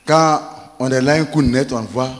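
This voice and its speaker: A man preaching, telling funny family stories with laughter and animated delivery. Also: mid-range voice, moderate pace, in a large hall. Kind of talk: humorous sermon storytelling.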